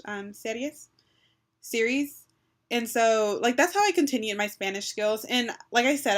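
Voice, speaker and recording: Talking into the close built-in mic of her webcam, this vlogger in her twenties from Texas has a mid-range, fairly bright voice. Her casual chatter is full of "um" and "like," with a few Spanish phrases mixed in, and she's recording in a small bedroom.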